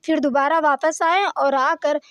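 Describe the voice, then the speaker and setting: Woman, high voice, dry sound, long shaken account, quoting threats. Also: steady tone, unhurried, fairly bright tone, no room sound. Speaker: victim's sister, interviewee. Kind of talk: recounting an attack to a reporter.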